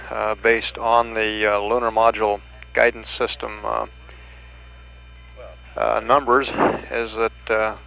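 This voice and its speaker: A man giving halting, measured, unscripted mission commentary on an archival broadcast. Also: fairly low pitch, vocal fry. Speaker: mission public affairs commentator. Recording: dull archival broadcast with hum.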